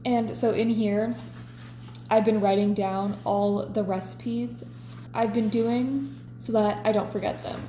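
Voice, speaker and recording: A woman in her twenties, chatting casually as a vlogger and reading her own diary entries aloud in a relaxed, confessional way. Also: mid-range voice, slow pace, roomy sound, slight background noise. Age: 20s. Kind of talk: casual chat.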